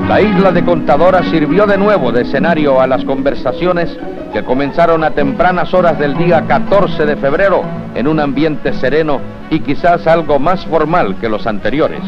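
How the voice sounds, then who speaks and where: A man reads as an old newsreel narrator, formal and declamatory. His voice sits a little high, on a dull film soundtrack with music clearly behind it. The delivery is solemn and scripted. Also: moderate pace.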